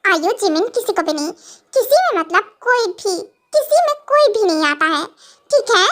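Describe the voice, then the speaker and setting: In a fan audio drama, a woman voices a stern young husband who is a professor, scolding and lecturing his wife in exasperation. The voice stays high and bright throughout, heavily acted with big pitch swings at a moderate pace.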